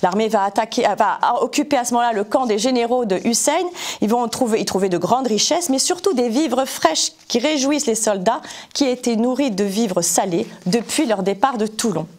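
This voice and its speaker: Higher-voiced woman recounting history, hesitant. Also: a little fast, a little mellow. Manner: hesitant, frequent fillers and self-corrections. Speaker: history presenter. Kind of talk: unscripted historical account.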